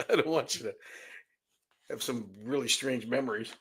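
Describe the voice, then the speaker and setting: A man's voice: medium pitch, moderate pace, creaky, husky. A man co-hosting a podcast in a studio, chatting in a crude, teasing way and laughing often. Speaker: podcast co-host. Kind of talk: casual chat.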